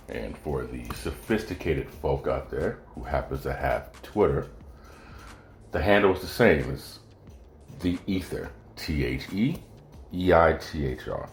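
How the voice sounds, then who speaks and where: A rumbling low male voice carries a bit of hiss or hum as he hosts his own podcast. He talks to his audience in a relaxed, joking way, alone at the mic, in an echoey room where faint music plays.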